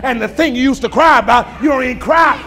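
A male pastor preaching a sermon with call-and-response, swinging from shouts to hushed lines. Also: very high-pitched, quick pace. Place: church sanctuary.

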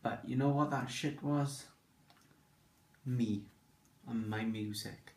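A man's voice: medium pitch, fairly even intonation, slow, vocal fry, darkish tone. A young man in a casual vlog, sarcastically reading out comments and giving dry comebacks, recorded in an echoey room with the camera at a distance. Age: young adult. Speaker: vlogger. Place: small indoor room at home. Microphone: camera mic a little away.

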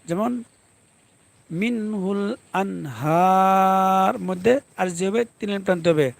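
A man teaching a live Quran reading lesson, spelling letters and vowel marks and then chanting each word in long drawn-out recitation. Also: high voice, creaky, darkish tone.

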